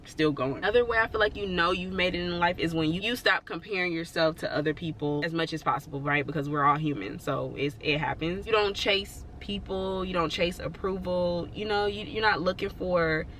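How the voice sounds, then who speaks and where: With a fairly low, fairly bright voice, a woman vlogs briskly and with hardly any pauses, a faint hiss or hum in the background. Her talk to camera is casual, rambling, and motivational, full of "like" and "you know" as she encourages and reassures her viewers.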